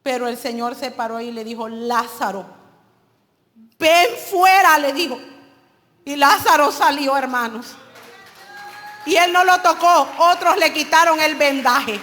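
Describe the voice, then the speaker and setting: A woman's voice: high-pitched, moderate pace, sharp tone, in a large hall. A woman preacher delivering an emphatic sermon and calling her listeners brothers.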